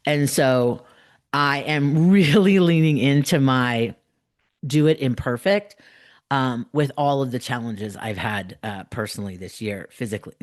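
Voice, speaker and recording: A woman hosting a solo podcast, talking earnestly and emphatically to listeners, repeating phrases, with the slight lisp of someone wearing a dental retainer. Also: low voice. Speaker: podcast host.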